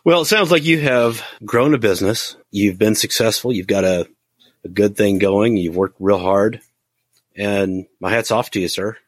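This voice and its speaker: A man's voice: lowish voice, moderate pace. A man hosting a casual interview, mostly giving short, encouraging replies and asking questions. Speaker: interview host.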